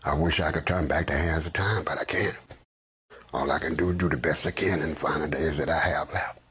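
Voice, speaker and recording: A man with a husky voice speaking slowly and reflectively in a documentary interview. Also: extremely low pitch, fairly even intonation, a bit bright. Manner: slow, reflective.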